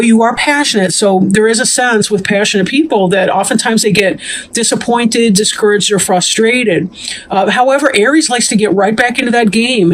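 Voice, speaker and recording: A woman giving a casual tarot reading to camera, chatty and meandering, clearing her throat often and a bit short of breath. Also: mid-range voice, slight background noise. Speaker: tarot reader.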